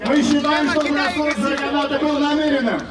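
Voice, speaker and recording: A man's voice: very high voice, flat delivery, normal speed. A man announcing a fight live in the style of a fighting game announcer, heard over a PA. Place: outdoor fight event, crowd around sand ring. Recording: distant echoing PA, loud outdoor crowd.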